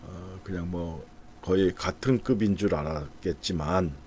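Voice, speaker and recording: A man's voice: low-pitched, measured pace, darkish tone, a little hiss or hum. A middle-aged man, chatting through stock charts to his viewers, thinking aloud with fillers. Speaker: stock market commentator. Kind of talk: casual market commentary over charts.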